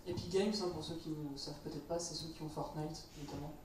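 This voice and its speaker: A man's voice: a little high, fairly even intonation, fast talker. Man, panel moderator, loose joking intros, distant mic, audible noise. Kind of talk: informal moderating. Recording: roomy hall mic from far off, noise behind.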